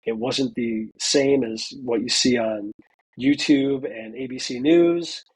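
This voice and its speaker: An American military veteran in his forties, now a college student, tells a story as a guest in a casual interview. His mid-range voice is slow, husky, and full of vocal fry with big pitch swings, captured on a rough recording. He's chatty, says "you know" a lot, and acts out quoted dialogue.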